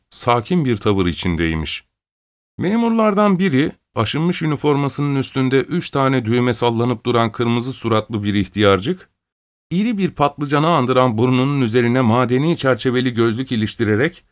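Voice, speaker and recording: Male audiobook narrator, mid-range voice, steady scripted storytelling. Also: medium pitch.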